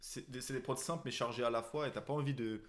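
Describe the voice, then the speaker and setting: A man co-hosting a casual chat reacting to a new rap album, excitable and stumbling over repeated words when enthused. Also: mid-range voice, fast. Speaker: reaction show co-host.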